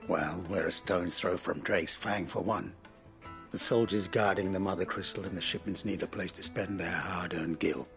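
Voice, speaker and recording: A man's voice: low-pitched, steady tone, moderate pace, gravelly, a bit bright, faint music behind. A man playing a wary, offhand villager in a period fantasy game. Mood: wary, matter-of-fact. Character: wary, plain-spoken male villager.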